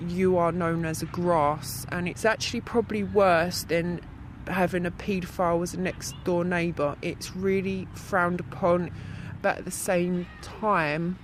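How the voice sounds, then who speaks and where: A woman's voice: on the low side, a little hiss or hum. Young woman, voice disguised. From South London. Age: young adult. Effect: electronically disguised voice. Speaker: anonymous witness. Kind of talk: interview testimony.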